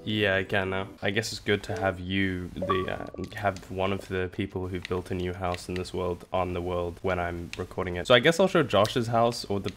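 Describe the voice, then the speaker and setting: Groggy deep-voiced man rambling over gameplay. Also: steady tone, moderate pace, hardly any pauses, music in the background. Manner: rambling, many fillers and restarts. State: groggy morning voice. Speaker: gaming channel host. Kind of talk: casual gameplay commentary.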